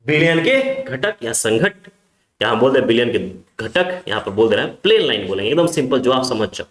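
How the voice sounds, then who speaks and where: A man's voice: mid-range voice, sing-song, brisk, fairly bright tone. Chemistry teacher guy, asks questions then answers them himself, voice jumps around a lot, echoey room. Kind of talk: online class lecture.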